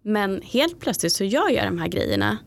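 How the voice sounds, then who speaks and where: A woman's voice: mid-range voice, wildly swooping pitch. A woman speaking reflectively and personally in a casual podcast chat, sometimes searching for words.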